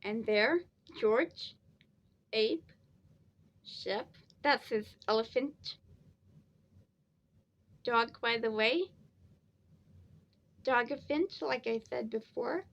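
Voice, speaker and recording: A woman's voice: fairly high pitch, drawn-out words, vocal fry, long pauses, dull audio. Tired woman rambling through a DVD review. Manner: rambling, repeats herself. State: tired, sleepy. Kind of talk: casual review vlog.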